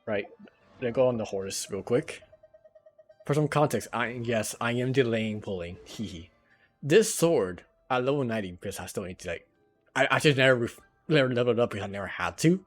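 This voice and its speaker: A man's voice: medium pitch, animated, brisk, soft background music. A man giving casual, rambling gameplay commentary on a livestream, talking into a headset mic and swearing now and then.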